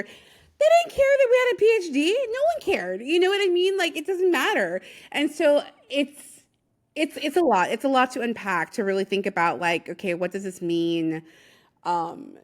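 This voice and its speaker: A woman hosts a casual podcast interview with a slightly high voice. She keeps the talk moving and backs her guest up with quick "mm-hmm"s and "yeah"s. When she gets going, she speaks in an animated, emphatic way. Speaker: podcast host.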